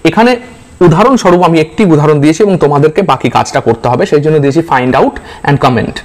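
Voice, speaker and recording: Guy teaching phonetics off slides, slightly high voice, goes over every sound again and again. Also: quick pace. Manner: explains patiently, repeats example sounds one by one. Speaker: English pronunciation teacher. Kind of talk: slide-based phonetics lesson.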